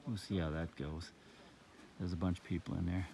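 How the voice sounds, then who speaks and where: A man giving a casual, unscripted hiking update outdoors, rambling along with halting pauses. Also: deep voice, level tone, warm tone. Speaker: hiker vlogger on a long trail. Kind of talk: casual, unscripted trail vlog. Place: outdoors on a mountain trail. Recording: outdoor ambience with clear background noise.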